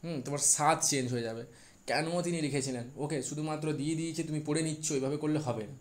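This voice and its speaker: A man's voice: a little high, fast. A man giving an exam-prep literature lecture, mixing English terms into his talk with frequent fillers. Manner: explains in Bengali mixed with English terms, many fillers.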